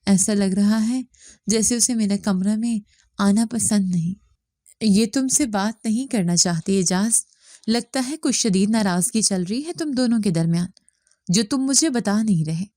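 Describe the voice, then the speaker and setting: A woman voicing an older mother-in-law who speaks softly and plays the victim. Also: medium pitch, no echo, studio quality, close to an everyday voice. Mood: sly. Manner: soft complaining tone, plays the victim. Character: older mother-in-law, sly and self-pitying.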